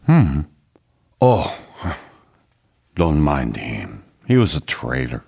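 Man voicing a husky mad prophet. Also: extremely low pitch, wildly swooping pitch, extremely slow, darkish tone, pitched below the performer's own voice, heavily acted. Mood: unhinged musing. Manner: rambling, unhinged, sing-song swings. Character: deranged bearded male religious leader, sullen and menacing.

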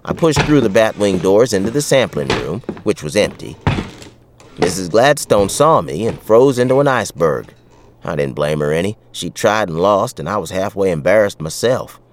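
A man's voice: deep voice, big pitch swings, moderate pace, a little hiss or hum. An actor playing a wry, tough frontier sheriff who tells his western story in folksy talk with an American West accent. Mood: wry, reflective. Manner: folksy, colloquial. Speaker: narrator and lead character. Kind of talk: dramatized first-person western storytelling.

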